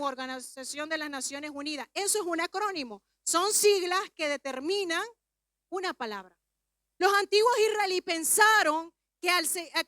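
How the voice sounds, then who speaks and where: Woman preacher, very high voice, bright tone, calm teaching that builds to fervent shouting, Pentecostal sermon. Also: no echo, studio quality. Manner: teaching calmly, then rising to shouted fervor.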